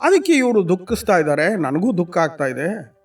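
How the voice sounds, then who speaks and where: A man's voice: high voice, sing-song, normal speed, a little mellow, husky, recorded from a distance, soft background music, exaggerated voice. A man voicing a grieving, resigned father in a children's radio story. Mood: sorrowful. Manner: sorrowful, resigned. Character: grieving middle-aged father, head of house.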